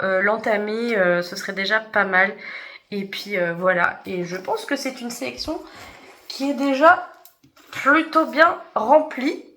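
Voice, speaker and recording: A woman's voice: a little high, a bit bright, a little hiss or hum. A young woman chatting casually in a book vlog, hesitant with many fillers. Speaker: book vlogger.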